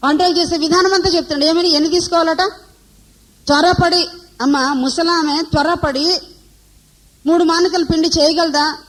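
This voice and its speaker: High-voiced woman preaching. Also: poor audio. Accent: Telugu. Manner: asks the audience questions and answers them. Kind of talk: sermon to a women's conference.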